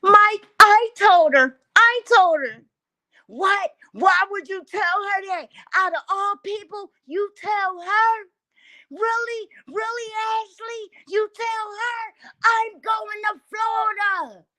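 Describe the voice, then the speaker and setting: A woman voicing a whiny, upset young woman who pleads in a high, shrill tone. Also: fairly even intonation, slow pace, sharp tone, exaggerated voice. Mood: whiny, pleading.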